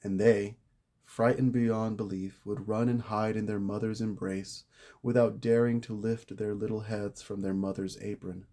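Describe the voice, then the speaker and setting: A low-pitched man with a warm, mellow voice reads a story aloud. He tells it with measured drama and lingers on key words. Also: level tone. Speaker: reader of a saint's life. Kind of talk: read-aloud narration.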